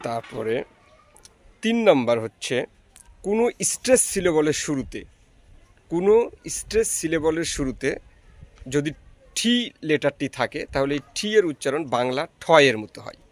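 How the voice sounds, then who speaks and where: A man teaching English pronunciation, explaining rules slowly and repeating each example word. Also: a little high, lively intonation, no echo. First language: Bengali. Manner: slow, repetitive, explaining step by step. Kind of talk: pronunciation lesson.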